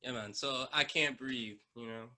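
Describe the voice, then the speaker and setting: A musician and educator introducing himself casually over a video call, soft-spoken and humble with many pauses. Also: male voice, medium pitch, rough recording.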